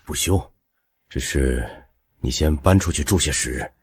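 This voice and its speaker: A husky, weak-willed noble lord. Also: male voice, a bass voice, unhurried, dry recording, clean studio sound, full character voice. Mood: stern. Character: weak-willed middle-aged noble lord, easily swayed. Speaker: actor. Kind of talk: costume short drama acting.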